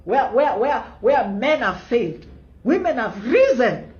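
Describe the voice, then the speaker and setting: Kenyan woman in her 50s, kenyan accent, defiant rhetorical monologue, lively, echoey dull recording. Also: fairly high pitch, measured pace, crowd noise. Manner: emphatic, defiant, repeats rhetorical questions. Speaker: commentator in a played clip. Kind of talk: impassioned opinion monologue.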